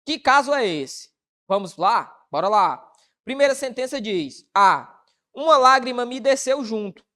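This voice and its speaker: A woman's voice: on the high side, animated, unhurried, a bit bright. A woman with a Brazilian Portuguese accent teaching an exam-prep grammar lesson, asking herself questions and answering them in a colloquial way. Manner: asks and answers own rhetorical questions, colloquial.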